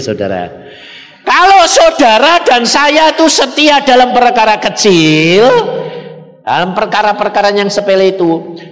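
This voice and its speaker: Man, Javanese accent, pastor, animated humorous sermon, wide swinging pitch, long hall reverb. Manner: animated, humorous, addresses the congregation. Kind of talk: sermon with storytelling.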